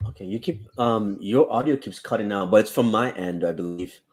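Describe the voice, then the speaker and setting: A man's voice: lowish voice, a little fast, darkish tone. A man chatting casually on a video call from his phone, his audio glitching and cutting out. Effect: glitching audio that keeps cutting out on a video call. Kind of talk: casual chat.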